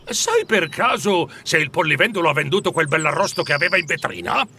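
A man's voice: a little high, sing-song, fairly quick, bright, forceful tone, slightly rough, heavily acted. A man voicing an overjoyed elderly miser in a storybook reading, exclaiming with glee. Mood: giddy. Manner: gleeful, exclaiming, lilting. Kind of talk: storybook character voice.

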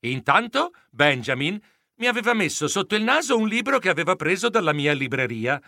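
A man narrating a children's storybook in the first person as a fussy, flustered mouse editor, in an animated, comically flustered manner. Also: sits high, a little fast, no room sound, studio quality. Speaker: audiobook narrator.

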